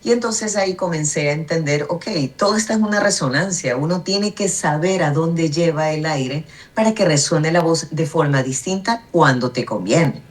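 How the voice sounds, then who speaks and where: A woman voice-over artist with a low contralto voice, explaining her craft in a radio interview with fillers and restarts. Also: lively intonation, normal speed, few pauses.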